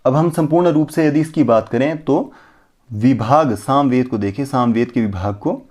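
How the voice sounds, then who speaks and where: Man, middle pitch, teacher, exam-prep lecture, rhetorical questions, drawn-out chanted syllables, close mic. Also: a little mellow. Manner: asks rhetorical questions and answers them. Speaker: Sanskrit teacher.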